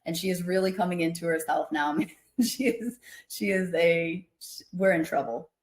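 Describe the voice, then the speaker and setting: A woman in her forties, a podcast guest chatting casually and warmly, animated and quick with asides, laughing often. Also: fairly low pitch. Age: 40s. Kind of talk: casual chat.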